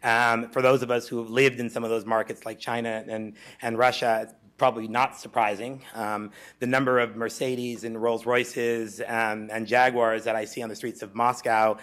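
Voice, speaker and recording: A man's voice: medium pitch, flat delivery, moderate pace, fairly bright tone. Greek man giving a conference talk. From Greece. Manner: conversational, many ums and restarts. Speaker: conference speaker. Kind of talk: conference presentation. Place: lecture hall at a symposium.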